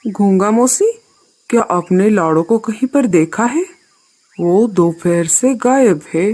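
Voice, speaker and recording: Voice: medium pitch, animated, slow pace, mellow. A performer voicing a worried, helpful male crow in a cartoon story, speaking earnestly and urgently. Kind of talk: cartoon voice acting.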